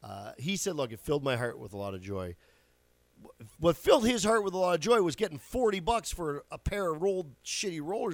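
His voice runs on the high side, with no echo. The speaker is a radio show host in his forties, telling stories in a loose, conversational monologue, cursing occasionally and cracking himself up.

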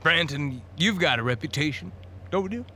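A man voicing a smug male lawyer who asks loud, needling questions in court. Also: on the high side, lively intonation, moderate pace, husky, full character voice. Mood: mocking.

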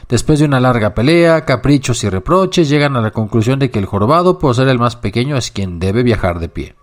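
A man narrating a literary short story in a measured, unhurried reading. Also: medium pitch, animated.

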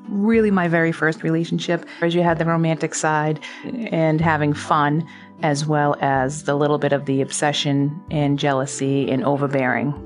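A woman with a Boston accent tells stories in an animated way and often laughs. Her voice sits low for a woman. Faint music plays behind her. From South Boston. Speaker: interviewee. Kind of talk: casual interview.

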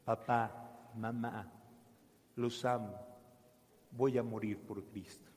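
Man doing a little girl saint, soft and hushed, slow and lilting, echoey church. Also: mid-range voice, pitched below the performer's own voice, close to an everyday voice. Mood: tender, hushed. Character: young girl martyr, devout and tearful.

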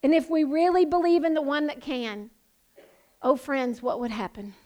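Passionate high-voiced woman pastor preaching. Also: fairly even intonation, normal speed, darkish tone. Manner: passionate, building to emphatic proclamations. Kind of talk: sermon.

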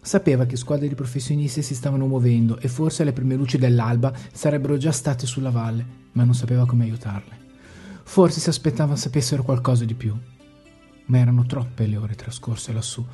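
A man narrating a dramatic story in a slow, intense delivery with heavy pauses. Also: medium pitch, fairly even intonation, warm tone, husky, faint music behind.

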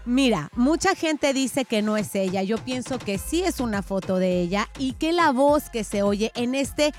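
A woman's voice: fairly high pitch, lively intonation, a little slow, darkish tone. A woman hosting a radio gossip segment in a casual, playful and theatrical way. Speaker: radio entertainment gossip host. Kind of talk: casual celebrity gossip commentary. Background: faint music.

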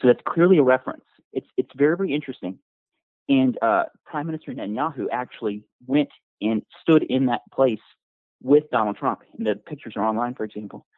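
A man's voice: mid-range voice, dry recording. Breathless male caller on a tinny phone line. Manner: halting, many fillers and restarts. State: out of breath after a run.

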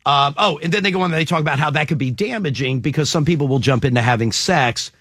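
A man's voice: fairly high pitch, fast talker, fairly bright tone, no room sound, clean studio sound. A man hosting a casual panel chat, reading out statements and quizzing the panel playfully. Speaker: host.

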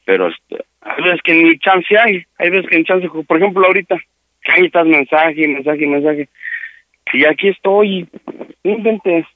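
A man's voice: fairly high pitch, expressive, a little slow, no echo. Mexican man, weary prank caller. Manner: weary, blunt, pressing a breakup. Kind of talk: prank phone call. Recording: muffled radio broadcast audio.

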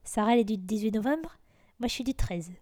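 A woman in her thirties co-hosting a podcast, leading the casual chat with lively enthusiasm. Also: on the high side, brisk, no room sound. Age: 30s. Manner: lively, enthusiastic, leads the talk. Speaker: podcast co-host.

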